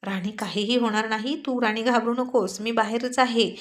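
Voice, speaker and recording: A woman's voice: a little high, fairly even intonation, normal speed, lightly acted. A woman voicing a brusque, teasing young man who speaks in a curt, bossy way in a spoken story. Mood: anxious.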